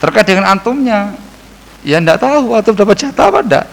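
A man, a religious teacher answering questions in a casual study session, lively and acting out the people he quotes. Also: high-pitched, fairly quick, gravelly, long reverb tail, rough recording. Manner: lively, mixes Javanese phrases, acts out quoted people.

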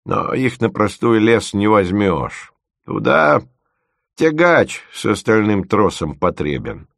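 A man's voice: lowish voice, animated, gravelly, fairly bright tone, no room sound, studio quality, heavily acted. A man doing a crafty old village fisherman. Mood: drawling, folksy. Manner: folksy, drawling, slow.

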